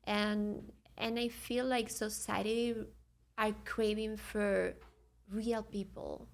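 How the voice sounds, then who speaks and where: A woman's voice: mid-range voice, flat delivery, slow pace, vocal fry. A woman from Venezuela with a Venezuelan Spanish accent, a podcast guest speaking earnestly and searching for words in English. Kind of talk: reflective conversational interview.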